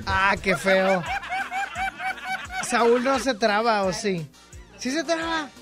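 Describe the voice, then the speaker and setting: A man's voice: sits high, expressive, takes it slowly. A man with a Mexican accent hosting a casual radio call-in show, playful and teasing with callers. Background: music playing.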